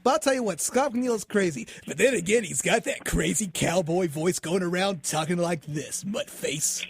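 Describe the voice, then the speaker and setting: A man hosting a fan interview show, his voice pitched high for a man. He talks in an eager, excitable way, piling on stories and asides. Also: normal speed, creaky, husky. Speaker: interview host.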